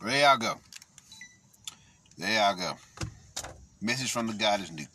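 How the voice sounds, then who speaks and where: Bright-voiced rambling man. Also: on the low side, animated, unhurried, slight background noise. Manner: rambling, profane, frequent restarts, "see what I'm saying". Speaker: host. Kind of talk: casual commentary.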